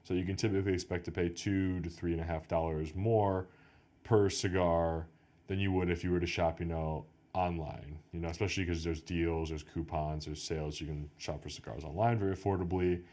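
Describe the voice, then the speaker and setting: This is an American man with a very deep, low voice, chatting casually on his podcast. He rambles from one story to the next, filling his talk with "like" and "you know". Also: fairly even intonation, a little fast, dark tone. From United States. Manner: rambling storyteller, heavy use of "like". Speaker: podcast host. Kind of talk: casual chat.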